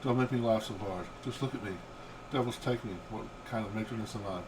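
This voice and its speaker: An older man voicing a playful, irreverent young noblewoman from a video game, lively and emphatic, over background noise. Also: on the low side, brisk, natural voice. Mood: amused. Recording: steady background hum and noise.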